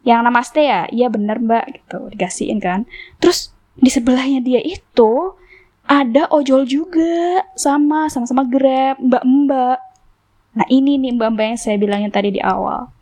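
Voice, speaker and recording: A woman's voice: moderate pace, darkish tone. A woman, hosting a podcast and casually telling a story to her listeners. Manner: chatty, acts out quoted exchanges in a higher voice. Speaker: podcast host.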